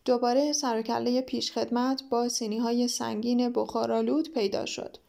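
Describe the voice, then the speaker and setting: A woman reading a children's storybook aloud in an even, measured way. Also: fairly high pitch, creaky. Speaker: audiobook narrator.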